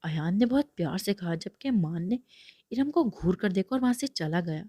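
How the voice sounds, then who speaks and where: A woman reading a romance novel aloud in an expressive storytelling manner, shifting into character voices. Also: lowish voice, dry recording, clean studio sound. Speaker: narrator.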